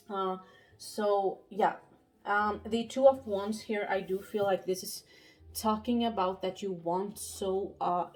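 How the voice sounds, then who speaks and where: A young pregnant woman, out of breath, giving a tarot reading in a halting casual monologue full of fillers and restarts. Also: medium pitch, a little mellow. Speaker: tarot reader.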